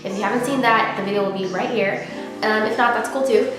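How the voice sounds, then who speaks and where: A woman's voice: mid-range voice, a little fast. A young woman who is congested with a cold, talking casually and earnestly in a reflective vlog and often dropping in "like" as a filler. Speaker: vlogger. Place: unfurnished apartment room, indoors. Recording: very echoey empty room, music underneath.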